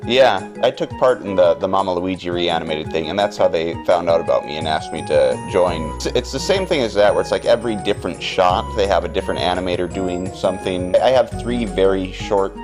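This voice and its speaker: A man's voice: low-pitched, brisk, hardly any pauses, music in the background. A man hosting a podcast, chatting casually and explaining things at length, often restarting his words. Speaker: podcast host. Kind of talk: casual chat.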